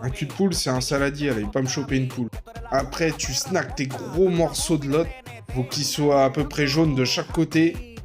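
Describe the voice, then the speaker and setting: A man's voice: mid-range voice, steady tone, normal speed. A man talking viewers through a recipe in a casual, punning way, speaking straight to them. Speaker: home cook. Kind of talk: jokey recipe voice-over. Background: soft background music.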